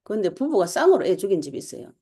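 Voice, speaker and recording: A woman pastor, preaching a sermon in a lively storytelling way and acting out the quotes. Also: medium pitch, racing, breathy edge. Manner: animated storytelling preacher, acts out quotes, laughs often. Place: online church service.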